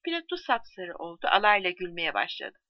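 A woman's voice: fairly low pitch, a little fast, no echo. A woman narrating a novel expressively, recorded close and dry with a slightly dull sound. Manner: expressive storytelling. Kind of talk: audiobook narration.

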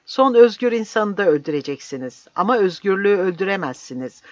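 A reader voicing a fiery old village priest who shouts his defiance in an impassioned, declaiming way, on a dry, slightly dull recording. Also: medium pitch, animated, moderate pace, no echo, pitched above the performer's own voice, close to an everyday voice. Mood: defiant, shouting.

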